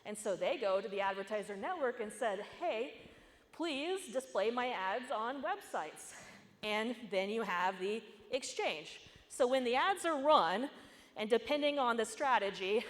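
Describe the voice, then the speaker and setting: A woman giving a security conference talk in a casual, conversational way, with asides and jokes. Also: mid-range voice. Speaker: conference speaker. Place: conference hall. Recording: echoey conference hall.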